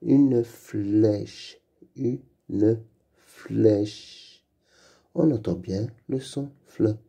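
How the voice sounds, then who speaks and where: A man leading a slow reading lesson for young children, saying each sound and word twice. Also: lowish voice, warm tone. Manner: repeats each word and sound slowly and clearly. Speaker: reading teacher.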